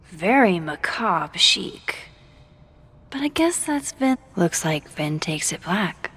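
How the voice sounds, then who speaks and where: An actress with a lowish, slightly bright, breathy voice gives a full character performance, very animated yet slow-paced. She plays a dry-witted, introspective young woman in a naturalistic video game, speaking in an understated, wry, hesitant way with a musing, curious mood.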